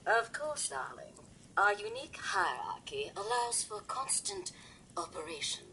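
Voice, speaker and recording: Gracious robot farm supervisor, polished and bright, lively melody, for a video game. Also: female voice, mid-range voice, unhurried, a little hiss or hum, rough recording. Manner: polished, calls everyone darling.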